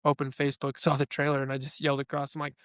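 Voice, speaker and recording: A man's voice: medium pitch, monotone, racing, fairly bright tone, clean tone, no room sound, clean studio sound. A young man co-hosting a podcast in a casual, chatty way, sharing opinions and filling his talk with "like". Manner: chatty, opinionated, heavy use of "like". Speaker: podcast co-host. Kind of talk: casual chat.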